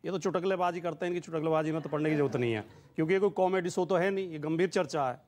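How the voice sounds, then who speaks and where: In a televised political debate, a party spokesman argues emphatically, building his points through repetition. His voice is on the high side and a little mellow, and he talks at a racing pace.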